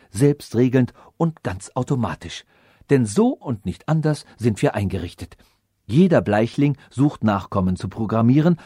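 A man's voice: medium pitch, mellow, slightly rough, no echo, clean studio sound. A man voicing an earnest disguised young prince. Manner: earnest, long-winded explanations. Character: young prince posing as a human.

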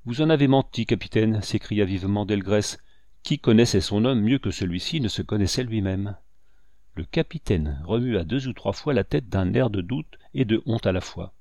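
Low-voiced male audiobook narrator. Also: normal speed, darkish tone, no room sound, studio quality. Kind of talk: scripted narration.

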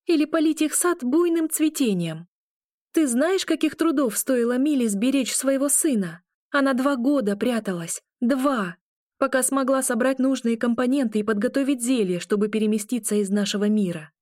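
A woman's voice: on the high side, normal speed, warm tone, no room sound, studio quality, pitched above the performer's own voice, close to an everyday voice. A woman voicing a frightened, hot-tempered young witch in a raised, emotional delivery. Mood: angry, panicked.

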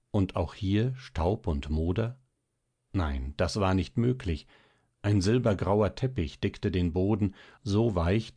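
A man calmly narrating a classic story as an audiobook reader. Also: low-pitched. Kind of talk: scripted narration.

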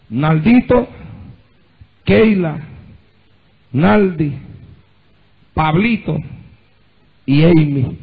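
A man preaching a sermon as a pastor, fervent and full of praise interjections, rising at times to impassioned shouting. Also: sits high, vocal fry, slightly rough, narrow, tinny audio.

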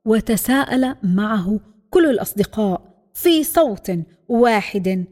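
A woman reading a children's story aloud with clear, expressive narration. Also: a little high, normal speed.

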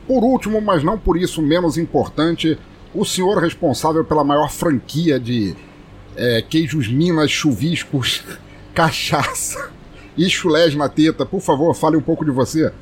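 A Brazilian man with a smoker's rasp, hosting a casual podcast in a jokey, animated, freely swearing way. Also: on the high side, measured pace, slight background noise. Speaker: podcast host.

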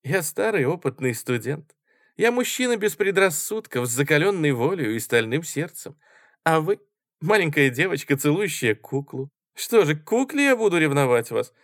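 A man's voice: on the high side, dry recording, studio quality, pitched above the performer's own voice. A man reading an audiobook, voicing a cool, dismissive male student who talks in a firm, lecturing way. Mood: scornful.

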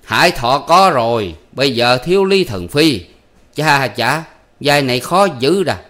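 A man's voice: mid-range voice, expressive, a little slow, fairly bright tone, voice pushed up. A man voicing an old male theatre troupe manager who is jovial and commanding, with a theatrical, declaiming way of talking. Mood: amused. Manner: theatrical, bellowing stage declamation.

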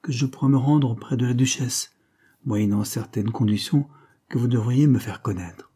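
A man's voice: mid-range voice, moderate pace, warm tone, husky, close to an everyday voice. A man reading an audiobook, voicing a gloomy, resentful impostor duke who speaks in a bitter, defensive way. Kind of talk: audiobook character voice.

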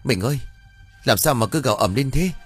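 A man's voice: mid-range voice, expressive, fairly quick, husky, faint music behind, voice pushed up. A man voicing a bossy, scolding landlord's wife in an audiobook ghost story, giving orders to servants. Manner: commanding, scolding.

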